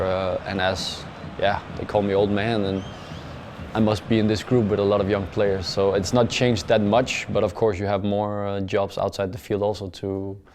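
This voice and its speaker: Answering post-match questions in careful English, a young footballer speaks in a low, level voice with little rise or fall. He trips over repeated words, uses plenty of "uh", and lets phrases trail off softly in a plain, measured way. A little hiss or hum is present.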